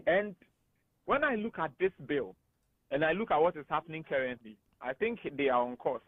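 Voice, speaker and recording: A Ghanaian man holds forth as a radio talk-show guest, animated and emphatic. His voice sits fairly high. The sound is dry and thin, like a phone line. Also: moderate pace, no echo. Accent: Ghanaian English. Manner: animated and emphatic, laughs often. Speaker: guest analyst.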